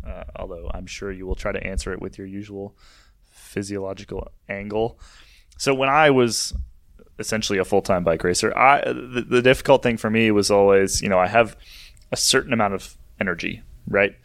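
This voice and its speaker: A man's voice: lowish voice, brisk, creaky, fairly bright tone. A man co-hosting a podcast, chatting casually and musing aloud with a joking edge. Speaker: podcast co-host. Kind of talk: casual chat.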